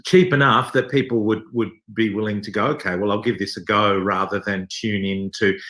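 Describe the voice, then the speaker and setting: A man's voice: on the low side, steady tone, fairly quick, fairly bright tone. An Australian man speaking as an interview guest from a theatre company, explaining things conversationally with hesitant asides. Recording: echoey room sound.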